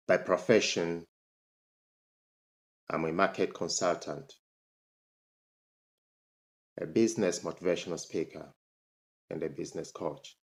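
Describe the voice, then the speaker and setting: Here a motivational speaker from Zambia shares his life story to camera. He is emphatic throughout, and his voice rises steeply on his rhetorical questions.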